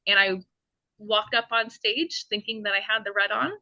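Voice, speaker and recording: A chatty woman with a bright, forceful voice talks casually and laughs often. Her sound is dry and a little dull, as if from a video call at home. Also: mid-range voice, fairly even intonation, normal speed, no room sound. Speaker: podcast guest, cryptid costume performer. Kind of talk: casual chat. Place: home, indoors.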